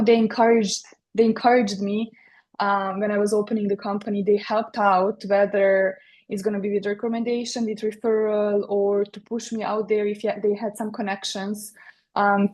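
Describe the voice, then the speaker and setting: A woman's voice: mid-range voice, darkish tone. A woman in her thirties from Serbia with a Serbian accent, talking as a podcast guest about her work, with many fillers and restarts. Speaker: guest, interior designer. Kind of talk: podcast interview.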